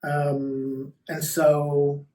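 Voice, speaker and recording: Sassy male drag queen, fairly high voice. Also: completely flat delivery, drawn-out words, dark tone. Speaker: drag queen performer being interviewed. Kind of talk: casual interview chat. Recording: roomy echo, distant microphone.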